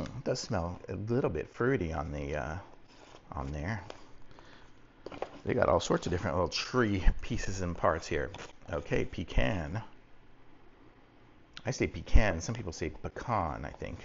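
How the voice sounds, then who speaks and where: A Texan product reviewer rambles through a casual unboxing in an easygoing, folksy way, his low, creaky voice moving at normal speed with lively intonation and frequent pauses. The audio is muffled, with faint background noise.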